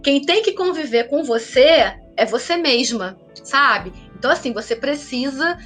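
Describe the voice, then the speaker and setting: High-voiced woman coaching on a live. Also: expressive, measured pace, faint music behind. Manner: earnest, warm-toned advice with frequent tag questions. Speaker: meditation teacher and coach. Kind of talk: live-stream coaching talk.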